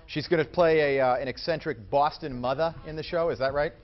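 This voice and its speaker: A man's voice: fairly high pitch, a little fast, highs cut off. An American man from Massachusetts hosting a casual, informal entertainment interview.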